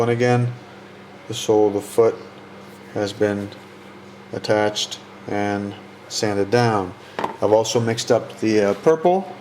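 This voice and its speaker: A man with a fairly low voice talks through his model-building progress. He is easygoing and unhurried, stopping often to say "uh" as he searches for a word. A faint hiss of noise sits underneath. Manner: relaxed, unhurried, pauses with frequent "uh". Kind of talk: casual narration of build progress.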